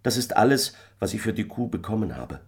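A man's voice: on the low side, sing-song, fairly quick, husky, pitched above the performer's own voice. A man voicing a hesitant, pious poor farmer in a fairy tale, talking in a pleading way. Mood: placating.

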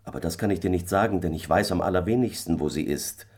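A man's voice: low voice, quick pace, darkish tone, husky. A man voicing a hesitant, pious poor farmer in a fairy tale, talking in a pleading way. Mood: uneasy.

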